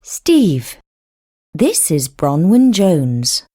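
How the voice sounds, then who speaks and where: A woman with a low, warm voice reads English course dialogues and lesson titles extremely slowly and clearly, in a careful teaching manner, yet with very animated delivery. The studio-quality recording is dry.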